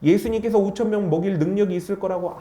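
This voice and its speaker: A man preaching a sermon as pastor, animated, asking rhetorical questions of the congregation. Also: high-pitched, fast talker. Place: church sanctuary. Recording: echoey church hall.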